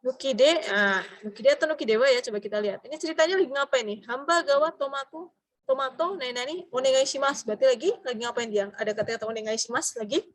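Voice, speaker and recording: High-voiced woman teaching a grammar class. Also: fast, low-quality recording. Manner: asks students questions, mixes in Japanese example sentences.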